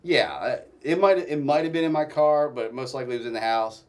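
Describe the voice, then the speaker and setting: A man telling his own story as a guest in a casual interview, halting and restarting often. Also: mid-range voice, animated, far from the mic.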